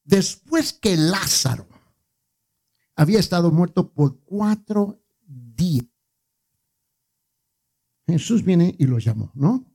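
A male preacher delivers a sermon in a chatty manner, joking with the congregation. He leans on repeated words for emphasis. His slightly high voice has a gravelly grain and a husky edge. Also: lively intonation, takes it slowly, pauses often, warm tone.

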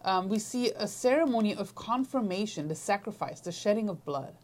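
Woman Bible teacher, unhurried and measured, speaks in short phrases for an interpreter. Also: mid-range voice, expressive, a little mellow. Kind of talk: Bible lesson with consecutive interpreting.

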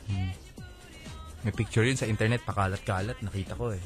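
A man's voice: on the low side, fairly even intonation, a little fast, music in the background. A Filipino man hosting a casual radio chat and teasing his co-hosts playfully.

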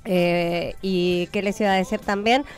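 A woman's voice: mid-range voice, fairly even intonation, measured pace, clear, resonant tone, faint music behind. An Argentine woman on a radio interview, rambling through dates of upcoming shows with many hesitations. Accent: Argentine Spanish. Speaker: event producer and press agent.

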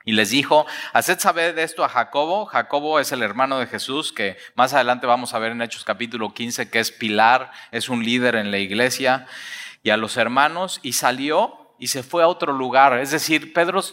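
A man's voice: mid-range voice, moderate pace, sharp tone, long reverb tail. A man preaching an expository sermon, laughing often, using casual slang and acting out the people in the story.

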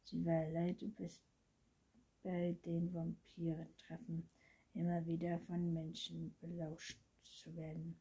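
Storybook boy vampire, mocking and hissy, breathy whispers; a woman reader voices him. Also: lowish voice, monotone, slow pace, warm tone, heavily acted. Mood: teasing. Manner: hissing, teasing, often whispered. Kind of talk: storybook reading.

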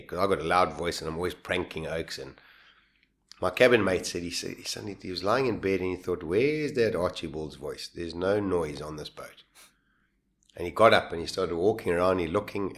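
As an interview guest recounting his survival, a man with a fairly low voice speaks in a loose, animated manner. Now and then he trips over his words, starts again, and laughs at himself.

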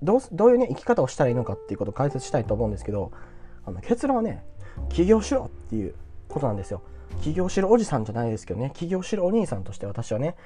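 A man talks quickly and bluntly, his pitch swinging up and down as he chats. His voice is dark and mellow, with faint guitar music behind him. He sounds sure of himself and keeps it casual. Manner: blunt, self-assured, chatty with frequent tag particles. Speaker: entrepreneur giving career advice. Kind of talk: casual solo talk to viewers.

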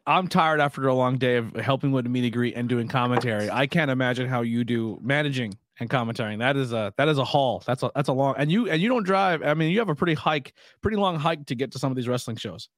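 A podcast host who also works as a wrestling color commentator tells stories in an easygoing way during a casual interview, laughing between points. His medium-pitched voice moves fast with hardly any pauses, recorded in clean studio sound without echo.

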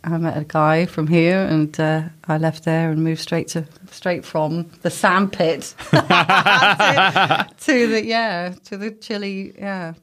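A woman's voice: on the low side, steady tone, slow pace, few pauses. A woman in her thirties from Berkshire with a southern English accent, telling stories in a casual interview and laughing often. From Berkshire, England. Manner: warm storytelling, laughs often. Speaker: guest, yoga studio co-founder.

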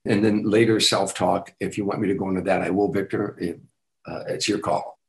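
A man's voice: sits low, steady tone, fairly quick, gravelly, poor audio. An older man, an author and teacher, giving an earnest motivational talk in an interview, repeating affirmations with emphatic lifts on key phrases. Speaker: guest speaker, author and teacher.

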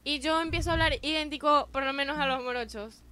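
A woman with a Venezuelan accent from Caracas, a podcast guest telling stories in casual, animated chat. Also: high voice, fast talker. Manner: animated, laughing storyteller.

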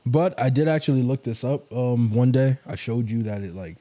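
Young man, mellow relaxed voice, mid pitch, casual banter, rambling, teasing. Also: moderate pace.

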